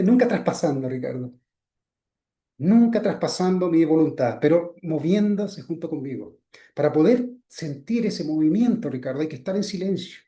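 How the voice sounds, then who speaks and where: A man gives a spiritual teaching talk in a mellow, warm-toned voice that sits a little high for a man. He speaks directly to one listener, repeating his name often. Many phrases fade softly at the end, and he checks in with short questions. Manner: addresses the listener by name again and again, trailing off softly after phrases; asks frequent checking questions.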